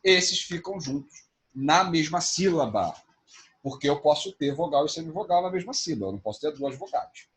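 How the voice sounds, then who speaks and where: Lively man teaching a class. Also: a little high, breathy edge. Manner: lively, spells out examples slowly. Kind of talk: online class lecture.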